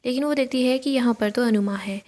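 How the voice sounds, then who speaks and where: A woman narrating a recap of a TV serial episode in a steady, even storytelling voice, reading the quoted dialogue without changing her voice. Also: a little high, a little fast.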